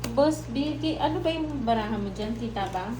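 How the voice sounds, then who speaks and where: High-voiced woman giving stream shoutouts. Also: expressive, normal speed, roomy sound, distant mic, noisy background. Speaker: stream host reading viewer greetings.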